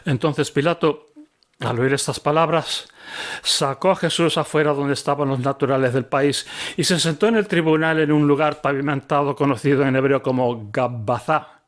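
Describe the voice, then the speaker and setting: A man who teaches the Bible, reading his book aloud with commentary, expressive and with occasional slips. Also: on the high side, normal speed.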